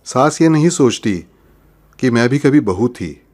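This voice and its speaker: A man's voice: medium pitch, animated, a little slow, darkish tone. Man preaching, explains stuff, tells stories, asks then answers himself, medium voice. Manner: explanatory, storytelling, asks and answers his own questions. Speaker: spiritual teacher. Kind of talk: Hindi religious discourse.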